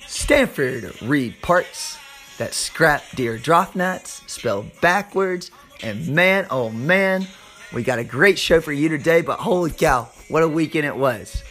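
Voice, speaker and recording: A man with a Southern US accent hosts an informal sports podcast like a hyped-up showman, stretching out words and repeating phrases. His voice is fairly high, a bit bright, and slightly hoarse.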